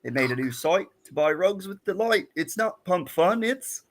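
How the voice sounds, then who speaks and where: A man's voice: sits high, expressive, moderate pace, voice pushed up. A man reading a limerick in a put-on accent that wanders between places, playful and sing-song. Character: male limerick reader in a drifting put-on accent.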